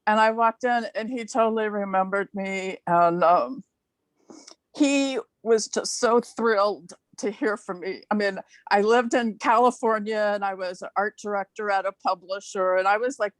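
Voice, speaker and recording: A woman's voice: mid-range voice, normal speed, no echo. A woman in her sixties from Ohio, a new club member, telling a heartfelt personal story on a video call, chatty and laughing between phrases. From Ohio, USA. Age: 60s.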